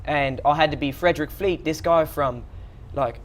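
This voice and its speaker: A man's voice: fairly high pitch, moderate pace, a little hiss or hum. A young man in his late teens answering interview questions, hesitant and full of fillers. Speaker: interview guest. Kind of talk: casual interview.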